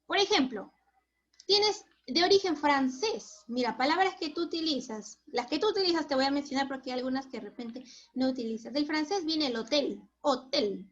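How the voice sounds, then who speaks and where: A woman's voice: sits high, expressive, fairly quick. A woman teacher giving a chatty recorded lesson, asking herself questions and answering them. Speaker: school teacher. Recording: dull lo-fi recording.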